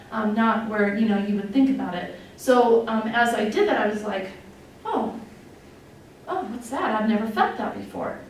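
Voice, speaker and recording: A woman's voice: mid-range voice, a little mellow. Woman in her forties, echoey distant recording. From Wyoming, USA. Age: 40s. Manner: candid, conversational, many fillers, openly emotional. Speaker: nurse executive telling her patient story. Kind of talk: personal testimony talk. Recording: echoey room, distant mic, faint noise.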